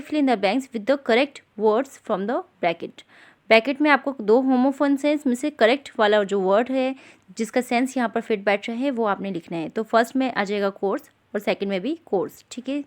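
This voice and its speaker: A woman with an Indian accent teaching an English textbook lesson, reading English lines slowly and then explaining them in Hindi. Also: fairly high pitch.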